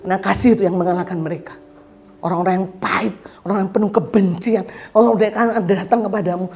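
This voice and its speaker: A woman's voice: mid-range voice, warm tone. A woman preacher giving an emphatic church sermon, often asking the congregation to agree with her. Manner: acts out quoted people in changed voices. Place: church service.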